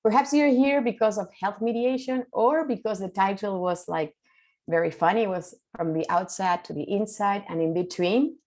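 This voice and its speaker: Nervous and halting, this keynote speaker, a mediator from Chile who speaks Spanish natively, fills her conference talk with fillers and restarts. Her Chilean-accented voice sits mid-range, moderately paced and a little mellow.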